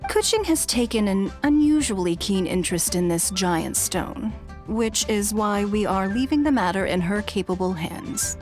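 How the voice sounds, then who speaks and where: An actress plays a haughty, elegant noblewoman in a fantasy game. She has a middling pitch and a measured, refined delivery with dry condescension. Faint music sits behind her. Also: lively intonation, a little mellow, lightly acted. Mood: formal. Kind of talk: video game character acting.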